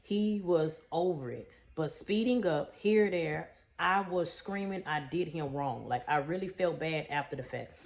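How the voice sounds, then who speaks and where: Low-voiced woman telling a story. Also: unhurried. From Houston, Texas. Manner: chatty, folksy, calls the viewers y'all and baby. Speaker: trauma coach. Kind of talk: story-time vlog talk.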